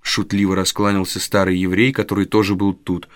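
A man narrating a story in a measured, dramatic storytelling manner. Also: deep voice, flat delivery, no echo, studio quality. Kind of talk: audiobook narration.

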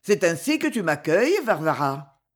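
A man's voice: fairly high pitch, big pitch swings. A woman reader voicing a cruel, sarcastic aristocratic count who speaks coldly and with menace. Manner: cold, sneering, measured.

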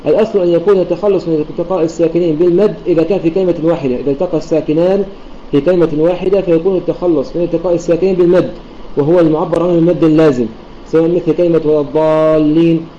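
A man's voice: fairly high pitch, mellow. A man teaching Quran recitation rules in an online lesson, explaining each rule and then demonstrating recited examples, repeating the phrases. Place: online voice chat room. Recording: dull lo-fi online voice chat with faint hiss.

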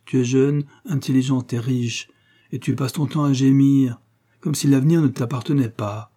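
A man's voice: mid-range voice, fairly even intonation, moderate pace, dark tone, voice pushed up, natural voice. A man playing a doting, blustering rich father in an audiobook, coaxing with forced jovial cheer.

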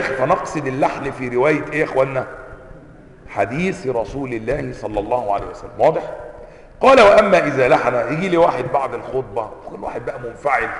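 A man with an Egyptian accent teaching a religious lesson in an animated way, often asking his students rhetorical questions. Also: mid-range voice. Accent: Egyptian Arabic. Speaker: sheikh teaching hadith sciences. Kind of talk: classroom lecture. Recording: echoey hall reverb.

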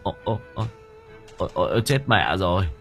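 A man's voice: medium pitch, big pitch swings, normal speed, a bit bright, soft background music, voice pushed up. A man voicing a cowardly, greedy older man in an audio story, stammering and flustered. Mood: panicked.

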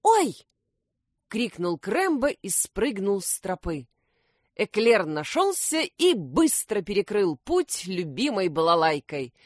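A woman reading a children's story aloud in an expressive storytelling voice. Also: medium pitch, slow pace, no room sound, studio quality. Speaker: narrator.

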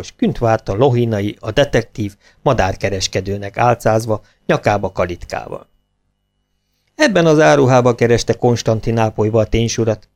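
A man reading a children's storybook aloud, expressive and animated. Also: mid-range voice. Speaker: audiobook reader. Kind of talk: storybook narration.

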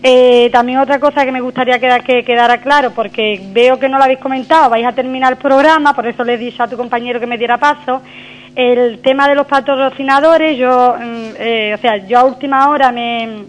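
A woman's voice: sits high, steady tone, a little fast, poor audio. A woman calling in to a radio show over the phone, talking hesitantly with many fillers and restarts. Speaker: radio caller.

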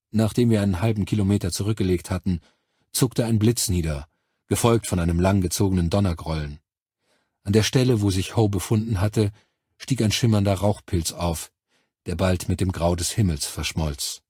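Casting: male audiobook narrator, steady and even, dark, husky timbre. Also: deep voice, moderate pace, no room sound, studio quality.

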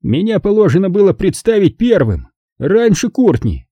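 Man voicing a haughty rough-voiced German count. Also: high-pitched, big pitch swings, moderate pace, dark tone, dry recording, pitched above the performer's own voice, exaggerated voice. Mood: mocking. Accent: slight German. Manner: lazy, condescending, teasing. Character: bald, heavy, haughty German count, mocking.

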